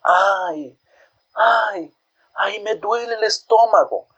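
A pained mother in labor, as a male storyteller puts her on moans and pleads in a raised, strained voice. Her tone stays husky and anxious. The sound is dull and lo-fi. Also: sits high, fairly even intonation, normal speed, voice pushed up.

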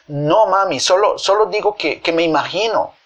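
A high, whining young bee boy, lazy and full of lies, put on by a man telling the story. He groans and pleads in a pinched storybook voice. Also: lively intonation, unhurried, lo-fi sound. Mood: flustered. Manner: whiny, fake groaning.

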